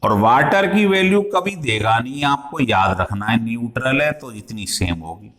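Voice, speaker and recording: A man's voice: medium pitch, animated, normal speed, a bit bright. A male chemistry teacher lecturing in a classroom style, explaining step by step and asking his students questions as he goes. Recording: echoey room.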